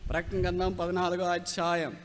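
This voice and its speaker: A man's voice: sits high, little pitch movement, fairly quick, a little hiss or hum. A male preacher from Rayalaseema giving an emphatic sermon, repeating key phrases and mixing in English terms. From Rayalaseema, India. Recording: long hall reverb.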